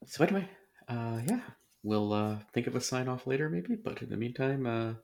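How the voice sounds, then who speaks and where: A man co-hosting a podcast in casual chat, often halting and rephrasing mid-sentence. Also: medium pitch, animated, creaky, darkish tone. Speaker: podcast co-host.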